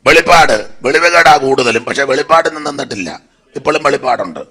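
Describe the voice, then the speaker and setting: Husky Malayali pastor preaching. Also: male voice, mid-range voice, fairly quick. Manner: animated preaching with lists and asides to the congregation. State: blocked throat. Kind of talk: sermon.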